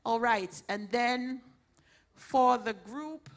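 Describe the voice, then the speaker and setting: A woman's voice: a little high, extremely slow. A woman leading church announcements, thanking helpers in a chatty way with many restarts. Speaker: church program leader. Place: church hall.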